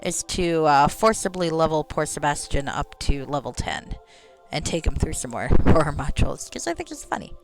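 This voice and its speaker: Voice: medium pitch, very animated, moderate pace, vocal fry, hardly any pauses, music in the background. A game streamer giving casual, rambling commentary, talking to themself and swearing freely. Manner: sweary, rambling, talks to self. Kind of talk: casual gameplay commentary with some read-aloud game text.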